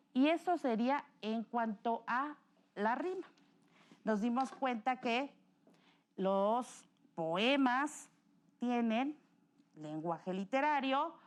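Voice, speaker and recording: Mexican woman teacher, patient explainer, fairly high voice. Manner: patient, explanatory, self-correcting with "perdón". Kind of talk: recorded classroom lesson.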